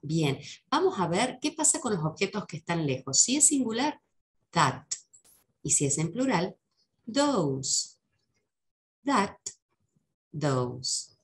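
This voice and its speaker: Unhurried woman teacher with gravelly voice. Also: fairly low pitch, very animated. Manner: patient, slows down to model English words. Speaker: English teacher. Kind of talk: lesson explaining English for Spanish speakers.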